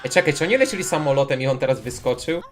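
A man's voice: mid-range voice, expressive, racing. A man with a Polish accent hosting a reaction video, commenting casually as he exclaims and puzzles aloud. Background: music and clip audio.

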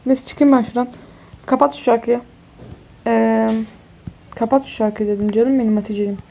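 Woman, young adult, gaming YouTuber, gravelly, slightly high voice, chatty and exclamatory, tired. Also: fairly even intonation, moderate pace, mellow. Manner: chatty and exclamatory, addresses viewers as friends. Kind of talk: casual game walkthrough commentary.

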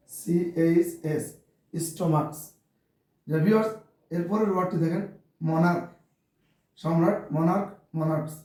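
Bengali-accented guy teaching english, mellow voice, spells stuff out, really echoey room, mic far off. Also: high-pitched. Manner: repeats "dear viewers", spells words letter by letter. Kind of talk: classroom lesson to camera.

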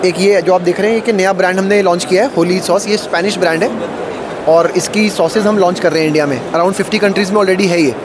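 A man's voice: high voice, steady tone, fairly quick. A man in his thirties representing a food company, explaining products in a trade fair interview into a handheld mic. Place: busy indoor expo stall. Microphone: handheld mic held by interviewer. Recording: noisy expo hall.

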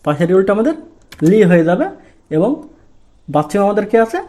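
A man's voice: high-pitched, big pitch swings, darkish tone. A man from Bangladesh teaching Korean pronunciation, asking questions and then answering them himself. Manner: drawn-out, deliberate stress on key sounds. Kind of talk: step-by-step pronunciation lesson.

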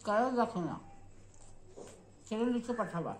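A woman talks while chewing, grumbling straight at her viewers. She rattles along very fast. Her voice rings in an echoey room over a faint hiss. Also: mid-range voice, sing-song, darkish tone. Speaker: food vlogger. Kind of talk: casual eating-show chat to viewers.

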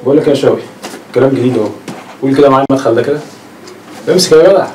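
An actor with an Egyptian Arabic accent playing a brisk man instructing a singer. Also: mid-range voice, darkish tone, natural voice. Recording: echoey, distant, faint music.

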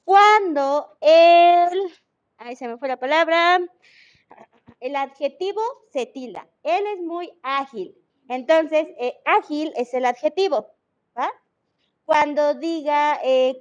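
A woman teacher with a Mexican Spanish accent explains patiently in an online class over video call, checking that her students follow along. Her voice sits high.

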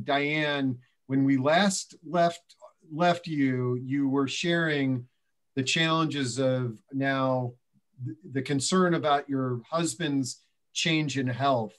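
A middle-aged man hosting a live online discussion, halting and filled with ums as he introduces guests. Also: medium pitch. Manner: halting, filler-heavy, gestures with both hands. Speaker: host and moderator. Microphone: headset on a video call.

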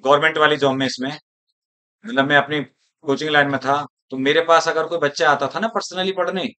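A man's voice: medium pitch, fairly bright tone. A male teacher giving a classroom lecture, talking in a rhetorical way and often checking whether his students follow him.

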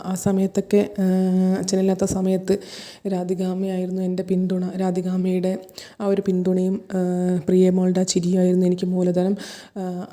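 Woman reading a slow, halting husband in a TV serial recap, mellow and even. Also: on the low side, close to an everyday voice. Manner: slow, hesitant, halting speech. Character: troubled husband recalling his hard youth.

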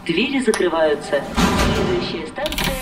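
A woman making formal, measured metro announcements, heard over a train intercom loudspeaker. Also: on the low side, sing-song, very noisy. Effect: played over a train intercom loudspeaker. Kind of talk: recorded transit announcements. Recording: echoey, distant speaker with loud game music.

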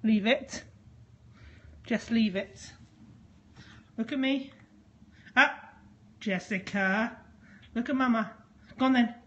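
Slow-talking woman coaxing her dogs. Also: fairly high pitch, a bit bright. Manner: coaxing, sing-song praise to pets. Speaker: dog owner filming an unboxing. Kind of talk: casual talk to her dogs while unboxing.

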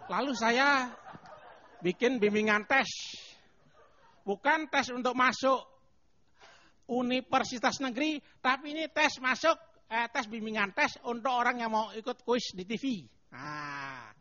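An older man performing a stand-up comedy routine on a TV studio stage into a handheld mic, animated and chanting mock announcements. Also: very high voice. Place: TV studio stage with live audience. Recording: dull lo-fi TV broadcast.

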